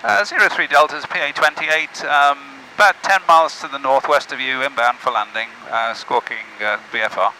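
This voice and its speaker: A man's voice: on the high side, moderate pace, few pauses, pushed and bright, slight background noise, rough recording. A man who flies small planes, talking casually and making radio calls through an aviation headset. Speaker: pilot and vlogger. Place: small plane cockpit in flight.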